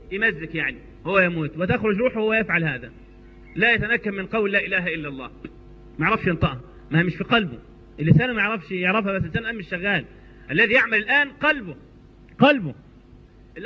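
Fast, high-pitched Egyptian preacher. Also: male voice. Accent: Egyptian Arabic. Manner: animated, storytelling with asides to the audience. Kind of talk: sermon. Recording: reverberant hall, muffled lo-fi sound.

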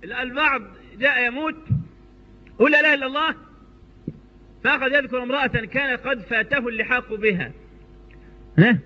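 A high-pitched, fast-talking man preaches in an Egyptian accent, mixing stories with colloquial asides. His tone is bright and forceful. The recording is dull and lo-fi, with a long hall echo. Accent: Egyptian Arabic. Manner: animated storytelling with colloquial asides. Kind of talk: sermon. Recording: echoey hall, dull lo-fi sound.

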